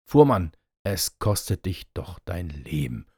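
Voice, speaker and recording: A man voicing a small, cheeky male sparrow with a shrill, taunting delivery in a fairy tale reading. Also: big pitch swings, slow pace, warm tone, breathy edge, no echo, studio quality, exaggerated voice.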